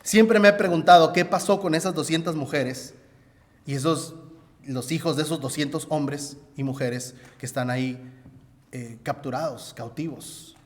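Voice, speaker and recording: A male preacher retells a story in a sermon and keeps turning to speak directly to his listeners. His voice sits a little high for a man. It rings out with a long reverb, as if recorded in a church hall. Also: moderate pace.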